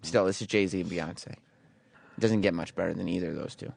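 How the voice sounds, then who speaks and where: A man's voice: low-pitched, brisk, creaky, darkish tone, slight background noise. A man in casual radio banter, speaking as a panelist in an emphatic, argumentative, profane way.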